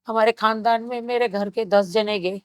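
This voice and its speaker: A woman in her fifties tells her story in a grave, steady way, in short phrases. Her voice sits a little high and stays flat in its melody, smooth and clear. It sounds close and dry, with no room around it. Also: normal speed, no echo. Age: 50s. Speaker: survivor interviewee. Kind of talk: personal testimony in an interview.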